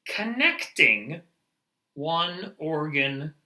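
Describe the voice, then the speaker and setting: A man teaching nurses in a lively, emphatic lecture, now and then laughing at himself. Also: a little high, drawn-out words, echoey room, rough recording. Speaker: nurse educator. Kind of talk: medical lecture.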